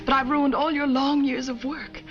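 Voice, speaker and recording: An actress playing a gentle, self-blaming young wife who speaks in a pleading, tearful way. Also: female voice, high voice, flat delivery, moderate pace. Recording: dull 1950s TV soundtrack with music.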